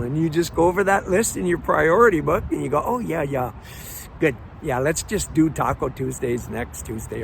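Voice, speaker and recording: Gravelly man coaching. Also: fairly high pitch, a bit bright, a little hiss or hum. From Croatia. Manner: earnest, encouraging, repeats words, slows for emphasis. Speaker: life coach. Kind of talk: motivational monologue.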